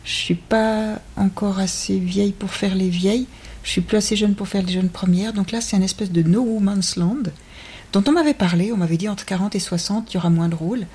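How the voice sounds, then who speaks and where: A woman in her fifties, an actress, reflects on her career in an interview, sounding thoughtful, measured and wry. Her voice is mid-range and mellow with a breathy edge.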